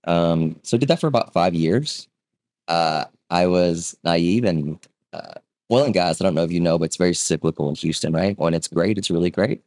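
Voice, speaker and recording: Deep-voiced man in his thirties, easygoing interview guest, chatty with fillers, close and dry. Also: moderate pace, no echo. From Vietnam. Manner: relaxed, conversational, frequent fillers and rhetorical "right?". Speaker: guest, real estate agent. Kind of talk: casual interview storytelling.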